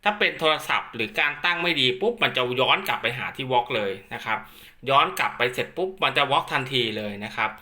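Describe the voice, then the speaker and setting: A man with a medium-pitched, expressive voice talks a little fast, his tone pushed and bright. Acting as an instructor demonstrating equipment, he gives a casual hands-on tutorial, explaining step by step and repeating polite particles.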